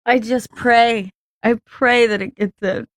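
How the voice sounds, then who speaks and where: A woman's voice: on the high side, fairly even intonation, slow, no echo, clean studio sound. A woman co-hosting a radio show, giggling often and teasing in casual banter.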